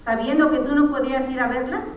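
A woman's voice: high-pitched, steady tone, fast talker, natural voice. A woman voicing a concerned neighbor woman who questions and gives frank advice, in an echoey room far from the mic. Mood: concerned, advising.

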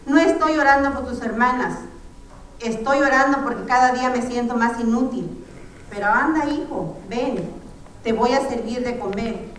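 A woman's voice: fairly high pitch, normal speed, fairly bright tone, a little hiss or hum, lightly acted. A woman voicing a poor, frightened older mother who pleads and sighs, recorded in an echoey room far from the mic. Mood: pleading, sorrowful. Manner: pleading, imploring, sighing "ay".

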